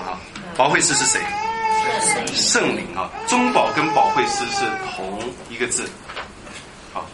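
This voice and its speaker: A man preaching a lively Bible teaching sermon, quizzing his congregation and drilling them on Greek words. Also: medium pitch. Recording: echoey hall with background noise.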